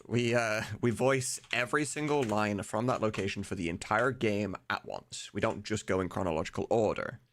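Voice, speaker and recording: On the low side and a bit bright, this man's voice runs at normal speed with hardly any pauses as he streams while working, thinking aloud in a sweary, informal way. A streamer and mod voice director, he's heard over music and slight background noise.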